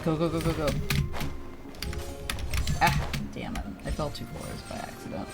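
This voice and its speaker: A woman with a low voice speaks a little slowly while livestreaming a video game, with loud music behind her. She chats casually and playfully with viewers, exclaiming and muttering to herself as she reacts to her play.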